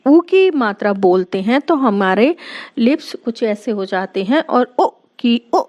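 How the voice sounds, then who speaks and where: A woman teacher giving a grammar lesson to young children, drawing out each sound and explaining patiently. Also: on the high side. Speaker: school teacher. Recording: muffled lo-fi recording.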